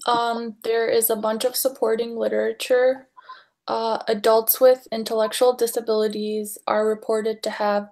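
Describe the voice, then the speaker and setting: A woman in her thirties reading a class presentation slowly over a video call. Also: medium pitch. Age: 30s. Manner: slow, very flat reading. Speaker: student presenter.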